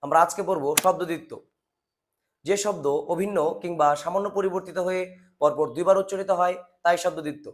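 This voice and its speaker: A man's voice: high-pitched, fairly even intonation, fast talker. A man teaching a grammar lesson, asking rhetorical questions and answering them himself.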